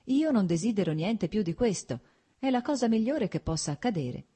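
A woman's voice: medium pitch, animated, normal speed, warm tone, breathy edge, pitched above the performer's own voice. A woman voicing a genial, worldly nobleman who talks in a jovial, teasing way.

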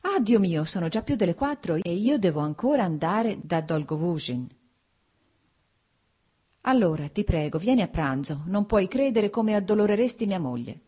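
A woman's voice: mid-range voice, expressive, moderate pace, breathy edge. A woman voicing a cheerful, talkative middle-aged nobleman who coaxes and pleads. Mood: pleading. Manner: warm, coaxing, talkative.

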